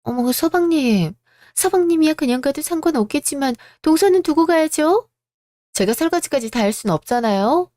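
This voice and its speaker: A self-important elder sister-in-law who insists on her rank in the family, played by a woman. She sounds high, whiny and indignant. The read is dry and close, radio-drama style. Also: expressive, normal speed, mellow, no echo.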